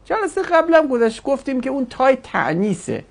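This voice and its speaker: A man teaching Arabic grammar in a classroom lecture, explaining forms step by step and repeating them slowly for students. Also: extremely high pitch, sing-song, creaky.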